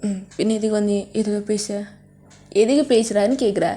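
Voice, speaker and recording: Reading a fanfic story, a woman voices a possessive, jealous young husband who pleads intensely before turning menacing. Her mid-range voice is warm and close to how she normally talks, at a moderate pace, with a pleading mood.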